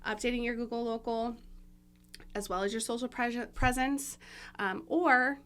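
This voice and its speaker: A woman's voice: a little high, fairly even intonation, moderate pace, a bit bright, clean tone. A woman guest on a podcast talking casually about marketing, chatty with many fillers and frequent laughs. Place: room, eating during recording. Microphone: podcast mic.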